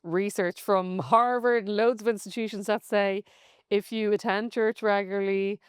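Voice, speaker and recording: A woman hosting a podcast conversation about faith, speaking in a measured, reflective way. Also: medium pitch, fairly even intonation, smooth, dry recording, studio quality. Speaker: podcast host.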